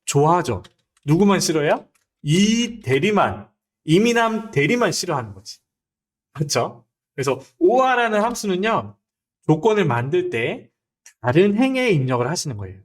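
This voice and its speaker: A young man lecturing on a spreadsheet exam, his voice pitched high and swinging up and down as he goes. He keeps asking his viewers questions and checking that they follow, in the manner of a lively online tutor. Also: normal speed. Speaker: teacher.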